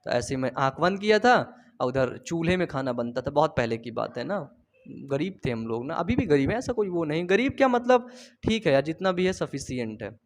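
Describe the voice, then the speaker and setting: A man's voice: on the high side, sing-song, a little fast. A young man teaching biology in a loose, chatty way, drifting into personal stories and checking in with tag questions. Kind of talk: informal Hindi class lecture. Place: home studio.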